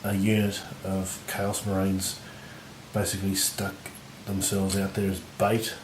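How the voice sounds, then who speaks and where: A man with a husky voice from recent illness, giving relaxed, rambling commentary on a tabletop battle. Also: deep voice, measured pace. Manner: relaxed, rambling, lots of fillers. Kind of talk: casual game commentary. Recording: echoey room with faint noise.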